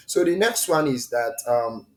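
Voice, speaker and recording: A man's voice: medium pitch, lively intonation, measured pace. A man with a Sierra Leonean accent, teaching an informal online lesson in West African Krio-style pidgin English. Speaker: teacher and presenter of an online class.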